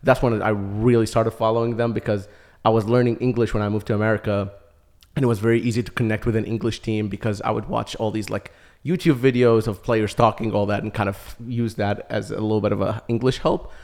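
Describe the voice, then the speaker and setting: A man's voice: fairly low pitch, fairly even intonation, fairly quick, a little mellow. A man in his thirties, from Iraq, a podcast guest telling his story in a chatty way and laughing often. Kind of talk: casual chat.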